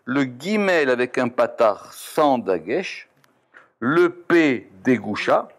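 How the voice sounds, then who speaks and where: A man's voice: medium pitch, expressive, takes it slowly. A man teaching a Kabbalah text lesson, reading Hebrew letter and vowel names and explaining them, often stopping to correct himself. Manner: reads Hebrew terms then explains in French, self-correcting.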